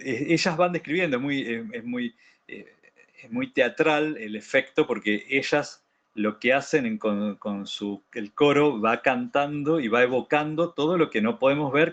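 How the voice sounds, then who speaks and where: A man's voice: medium pitch, a bit bright, dull audio. A man leading a reading group, commenting on a classic text in a hesitant way with many restarts.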